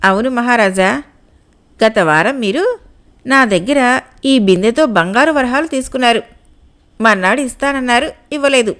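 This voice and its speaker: A woman's voice: a little high, a bit bright. Woman voicing a shrewd old royal guru. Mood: accusing. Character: shrewd older male royal guru, calm and firm.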